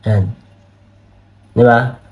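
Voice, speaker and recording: Extremely slow and fairly even in intonation, a mid-range male voice with a Filipino accent comes through a camera mic that cuts off the highs. He offers casual, chatty political talk, laughing often, asking tag questions, and reading screen comments out loud.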